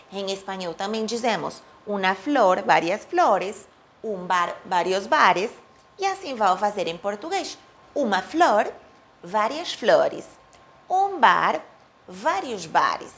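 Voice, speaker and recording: Professora de português, fala pausada e expressiva. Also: female voice, slight background noise. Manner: clear, deliberate, says example words slowly with rising and falling pitch. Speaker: Portuguese teacher. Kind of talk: language lesson.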